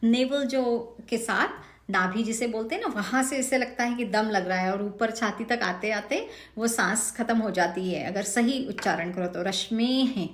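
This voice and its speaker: A woman's voice: on the high side, echoey room. A woman teaching careful pronunciation of a devotional hymn in a recorded online lesson, patient and drawing out each example word. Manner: slow, patient, drawn-out example words.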